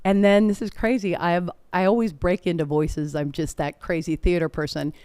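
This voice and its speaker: A woman's voice: lowish voice, normal speed, clean tone, no echo, studio quality. A middle-aged woman telling stories in a casual interview, chatty and laughing often. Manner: chatty, laughing, animated storytelling. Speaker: performer and guest.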